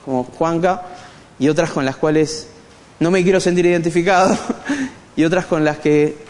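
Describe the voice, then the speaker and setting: A man's voice: fairly high pitch, normal speed. Rioplatense man teaching in a reverberant hall. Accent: Rioplatense Spanish. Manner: animated, joking, addresses the audience directly. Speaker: Bible study teacher. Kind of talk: conversational church teaching.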